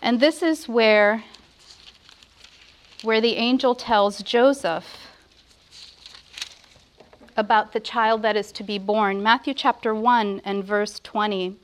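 Fairly high-voiced woman preaching at a pulpit microphone. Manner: earnest, measured, reverent. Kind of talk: sermon with prayer and scripture.

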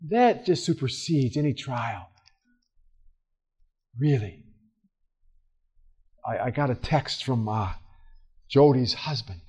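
A man teaching a Bible study in a casual, earnest way, with fillers and restarts, swinging from loud emphasis to soft, quiet asides. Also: medium pitch, big pitch swings, slow, pauses often, breathy edge. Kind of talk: conversational Bible study talk.

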